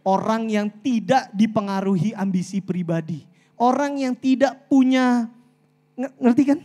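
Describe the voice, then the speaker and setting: A woman giving a lively faith talk to a community gathering, talking fast, pleading with listeners, telling stories and slipping into English phrases. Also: fairly high pitch. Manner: pleading and storytelling. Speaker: community speaker. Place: meeting hall.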